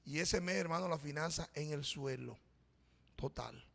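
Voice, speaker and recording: In a church hall with heavy reverb, a middle-aged pastor preaches a sermon, sharing a personal story conversationally and addressing the congregation as brothers. His voice is fairly high-pitched and fairly bright, with a creaky quality and a moderate pace.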